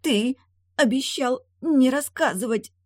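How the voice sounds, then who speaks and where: A reader voicing a high, weak young lake maiden. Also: female voice, takes it slowly, no echo, clean studio sound. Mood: pleading. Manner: weak, squeaking.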